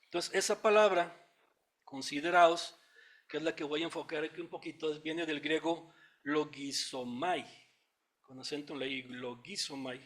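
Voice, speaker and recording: Mexican guy preaching bible study, kinda high voice, reads verses slow and thinks out loud. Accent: Mexican Spanish. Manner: teacherly, thinks aloud with fillers and asides; reads scripture aloud slowly. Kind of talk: expository Bible study sermon.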